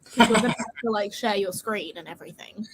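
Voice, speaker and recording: A woman's voice: medium pitch, fast, a crowd in the background, poor audio. A British woman chatting casually as a livestream host, informal and dryly sweary. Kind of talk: casual chat. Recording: home livestream with faint background noise.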